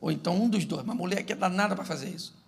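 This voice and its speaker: A man's voice: high voice, racing, gravelly, a little hiss or hum. A middle-aged man preaching a humorous sermon as pastor, acting out little scenes of married life. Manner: humorous, animated, acts out domestic scenes.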